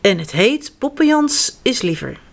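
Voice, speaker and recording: Slow, expressive woman reading stories to children. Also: fairly high pitch, gravelly. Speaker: storyteller.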